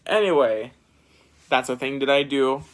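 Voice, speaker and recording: A teenage boy with a medium-pitched voice talks at a measured pace, recorded on a phone. He's a vlogger chatting casually to his viewers, rambling and switching accents now and then.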